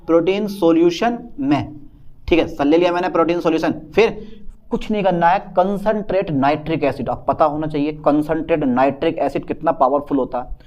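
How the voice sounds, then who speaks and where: A man with a high-pitched voice teaches chemistry in a relaxed, conversational way. He answers his own imagined student questions and keeps the lesson moving. The recording sounds a little muffled and lo-fi. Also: brisk. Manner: lively, plays both teacher and student in a back-and-forth. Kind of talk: casual Hindi classroom lecture.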